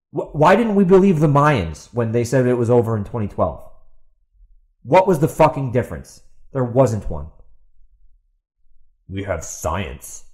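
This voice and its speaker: A man with a mid-range, slightly mellow voice runs a solo podcast of ranting commentary, partly reading out a post. He comes across exasperated, combative and blunt, going over the same points repeatedly, and the audio has a roomy echo.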